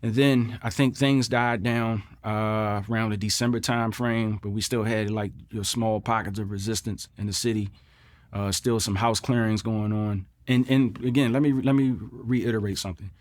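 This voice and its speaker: Man, middle-aged, slightly deep voice, military veteran, interview recollection, earnest, reflective, repeats for emphasis. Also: steady tone, moderate pace. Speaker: Marine combat veteran interviewee.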